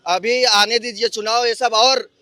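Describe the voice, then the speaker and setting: A man's voice: very high voice, steady tone, measured pace, sharp tone, no room sound. A man from the public, talking indignantly in a street interview and repeating his questions insistently. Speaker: member of the public giving his view.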